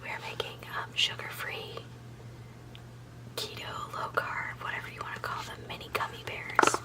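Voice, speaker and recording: A woman hosting an ASMR recipe video, speaking in a soft, unvoiced whisper as she explains each step in a chatty way. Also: moderate pace, distant mic, rough recording. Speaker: video host.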